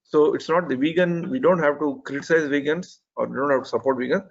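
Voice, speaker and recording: A man's voice: on the high side, fast, gravelly, husky, muffled recording. A man giving earnest, methodical spoken feedback on an online presentation, often restarting his sentences. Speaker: presentation evaluator.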